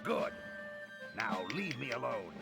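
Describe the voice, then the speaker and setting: A man's voice: mid-range voice, big pitch swings, takes it slowly, vocal fry, full character voice. A man voicing a pompous, blustering male demon skull in a studio game, his voice heard in the left channel only. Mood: sulky. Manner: grandiose villain boasts, then meek. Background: loud game music.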